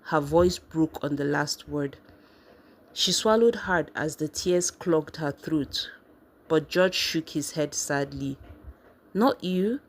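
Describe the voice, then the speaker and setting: A woman narrating a family drama story in a steady, even reading voice. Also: low-pitched, slow pace.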